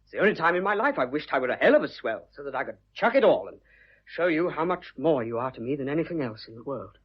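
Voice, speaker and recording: A man playing an earnest, awkward young businessman in love, talking in a blustering, gruffly tender way in a radio play. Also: fairly high pitch, very animated, fast. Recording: dull lo-fi recording.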